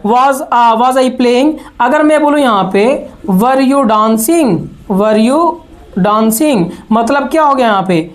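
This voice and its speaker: A man teaching spoken English with an Indian accent. He explains in quick bursts and repeats drill sentences slowly. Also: very high-pitched.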